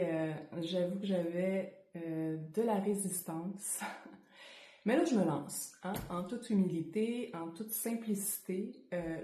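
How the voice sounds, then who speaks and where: A woman with a Quebec French accent teaching yoga breathing informally, speaking unscripted with frequent hesitant pauses. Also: fairly low pitch, warm tone, a little hiss or hum. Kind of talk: informal guided breathing lesson to camera. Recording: roomy, echoing indoor sound.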